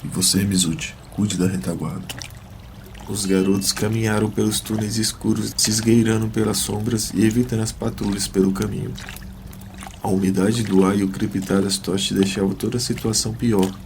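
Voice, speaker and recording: A man reads a scripted fantasy tale as narrator. His voice is deep and creaky, and his delivery stays very even in pitch. Some light noise is present behind him. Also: a little fast.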